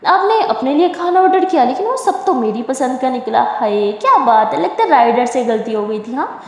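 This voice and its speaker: Brief: woman playing a whiny, chatty sweet girl in a storybook romance, high-pitched, roomy reverberant recording. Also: sing-song, normal speed. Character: innocent chatty young woman, playful and sulky. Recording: echoey room with long reverb.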